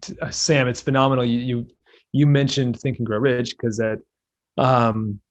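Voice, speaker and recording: A man's voice: mid-range voice, level tone, moderate pace. A man hosting a podcast who talks with enthusiasm, often repeating himself and restarting sentences. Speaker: podcast host. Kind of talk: casual interview chat.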